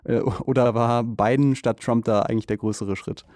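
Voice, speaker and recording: A man hosting a news podcast, asking questions and reading short items in a relaxed, informal way. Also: medium pitch, moderate pace, no echo, clean studio sound.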